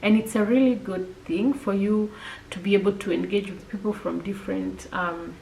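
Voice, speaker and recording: A woman from Kenya with a Kenyan accent, chatting casually to camera as a vlogger, often pausing on fillers. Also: mid-range voice, steady tone, gravelly, warm tone, a little hiss or hum, poor audio. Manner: chatty, with frequent filler pauses.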